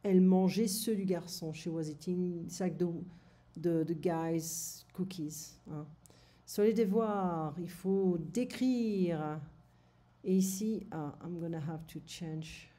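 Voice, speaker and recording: A woman's voice: lowish voice, slow pace, mellow. A woman French tutor going over a lesson summary for her student, explaining in French and then repeating it in English.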